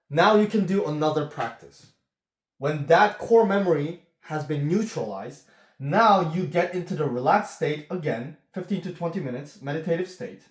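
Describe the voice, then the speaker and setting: There's an echoey room around this fairly high-voiced man, a relationship coach talking slowly and sincerely in a monologue and often pausing to say "okay?"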